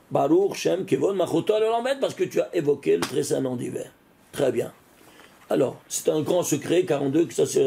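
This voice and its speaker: A man, a rabbi, giving an animated Torah lesson, often exclaiming and putting questions straight to the listener. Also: on the high side, vocal fry. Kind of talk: lively spoken Torah lesson.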